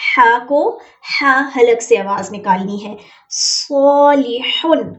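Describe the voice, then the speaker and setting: High-voiced woman teaching Quran reading. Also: reverberant, distant mic, highs cut off. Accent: Urdu. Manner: patient, stretches example words slowly to demonstrate. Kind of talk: online tajweed lesson.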